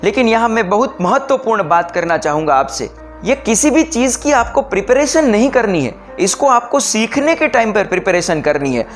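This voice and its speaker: A man giving a public speaking lesson, explaining slowly and deliberately. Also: sits high, big pitch swings, soft background music. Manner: slow, deliberate explaining, mixing English phrases. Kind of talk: bilingual training talk.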